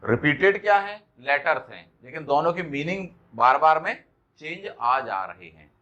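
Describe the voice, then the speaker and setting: A man delivers an exam-prep lecture in a fairly high, bright voice. He explains patiently, often checks that students follow, and draws out example lines slowly. The recording is dull and lo-fi. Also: expressive. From India. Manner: explanatory, checks understanding with questions. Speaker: teacher.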